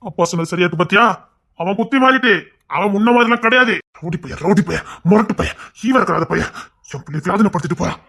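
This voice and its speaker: A man performing a comic family skit in a loud, bossy and dramatic way. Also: sits high, lively intonation, fast talker, vocal fry.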